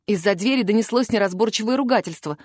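A woman narrating a first-person fantasy audiobook in an expressive, emotional way. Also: medium pitch, quick pace, no room sound, studio quality.

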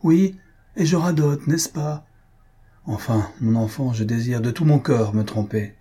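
A man's voice: mid-range voice, measured pace, mellow, breathy edge. A man voicing a chiding elderly dowager. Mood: reproachful. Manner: wry, chiding. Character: elderly dowager mother, worried, reproachful.

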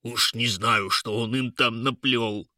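A man voicing a burly, angry male farmer who talks gruffly and slowly, with a complaining drawl. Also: mid-range voice, steady tone, sharp tone, no room sound, clean studio sound. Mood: lamenting.

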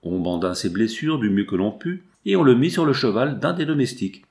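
A man narrating a classic novel in a measured, formal reading style. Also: medium pitch, animated, vocal fry, darkish tone. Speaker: audiobook narrator.

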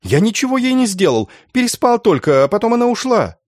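A man voicing a young man accused of murder, shouting high and desperate. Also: very animated, a little fast, no room sound, studio quality. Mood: panicked pleading.

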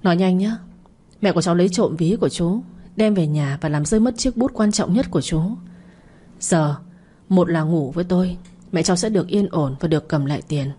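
Give me a curt, commanding rich man, read by a woman in a low, husky voice. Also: a little fast, dark tone. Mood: stern. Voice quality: stern, curt.

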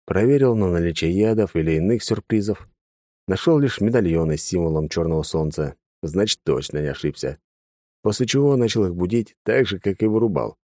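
A man's voice: deep voice, lively intonation, fairly quick, mellow, no echo. A man narrating a first-person audiobook in a dry, matter-of-fact manner.

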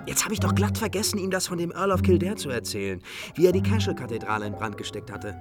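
A man's voice: fairly low pitch, sing-song, quick pace, over music. An actor playing a hearty, talkative man showing visitors around an old abbey, in a radio play. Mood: boisterous. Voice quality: hearty, boisterous. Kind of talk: radio drama acting.

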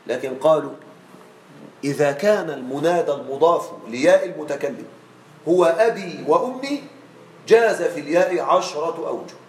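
A man teaching Arabic grammar to a class. He often checks that his students follow along and draws out the example forms slowly. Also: a little high, animated, a little mellow, reverberant, slight background noise, low-quality recording. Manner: checks on students with frequent questions; drawn-out slow spelling of example forms.

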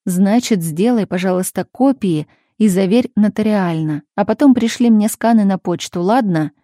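A woman voicing a patient, insistent grown daughter who speaks calmly and firmly, in a storybook reading. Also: mid-range voice, normal speed, no room sound, studio quality, close to an everyday voice. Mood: pleading, firm. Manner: calm, patient, pleading.

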